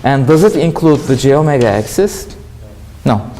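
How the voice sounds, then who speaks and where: A university lecturer with a Turkish accent, a native Turkish speaker, giving a classroom lecture and often asking questions, then answering them himself. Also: male voice, medium pitch, lively intonation, moderate pace, warm tone, a little hiss or hum, low-quality recording. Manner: explanatory, asks and answers his own questions. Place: lecture hall.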